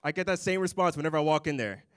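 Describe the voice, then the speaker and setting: This young stand-up comic talks very fast in a somewhat high voice, performing at a comedy club into a handheld microphone. His delivery is dry and deadpan, dotted with quiet chuckles.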